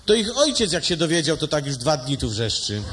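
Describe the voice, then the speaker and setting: A man voicing a prim female clinic nurse in a high, drawn-out put-on voice. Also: big pitch swings, a bit bright, a little hiss or hum.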